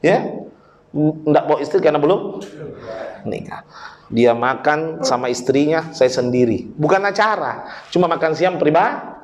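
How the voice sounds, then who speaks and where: Preacher, male, high voice, blunt comic delivery, speaks straight to the crowd. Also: moderate pace, pauses often. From Makassar, South Sulawesi. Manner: blunt, joking, addresses the men in the crowd directly. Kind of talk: humorous sermon.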